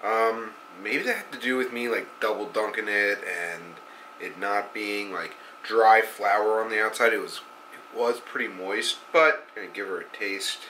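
A man's voice: lowish voice, moderate pace, pushed and bright, slight background noise, low-quality recording. A man with a stuffy, congested nose, casually talking through his cooking step by step in a home kitchen. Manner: laid-back, talks through each step. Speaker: outdoor cooking vlogger. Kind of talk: casual vlog narration.

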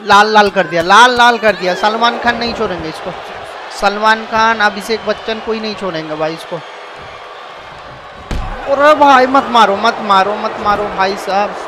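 A man giving excited, casual commentary over a wrestling video game and often shouting. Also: high-pitched, moderate pace. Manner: excitable, shouts often, calls people bhai. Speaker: gameplay commentator. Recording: noisy background with crowd sounds. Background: video game arena crowd and noise.

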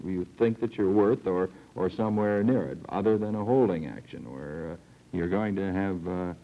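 Young host guy, deep voice, lots of uhs, muffled old tv film audio. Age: young adult. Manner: hesitant, rambling questions. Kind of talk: TV panel discussion. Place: TV studio. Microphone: desk microphone. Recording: dull 1960s TV film sound.

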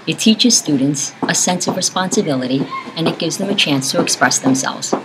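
Woman, middle-aged, low voice, earnest, classroom, faint background hiss. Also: fairly quick. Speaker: school parent. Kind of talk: scripted talk to camera. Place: school classroom.

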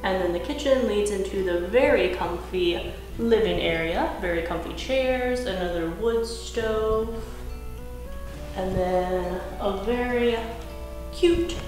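A woman in her thirties walks through a small rental house, describing each room slowly in an upbeat tour-guide way. She is recorded from across the room, and her voice rings in the bare rooms. Music plays underneath. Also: medium pitch. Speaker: travel vlog co-host. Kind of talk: home tour narration. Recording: echoey rooms with background music.

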